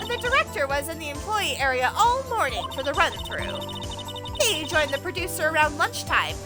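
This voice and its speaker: A woman's voice: high-pitched, very animated, normal speed, loud music behind the voice, voice pushed up. Woman doing a whiny nasal cranky old lady. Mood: matter-of-fact, crabby. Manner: indignant, folksy, defensive.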